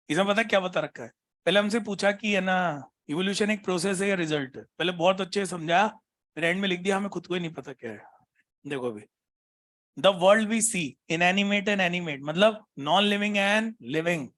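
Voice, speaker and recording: High-voiced male biology teacher coaxing students. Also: a bit bright. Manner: coaxing, questions students constantly, reads textbook lines slowly. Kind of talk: classroom lecture.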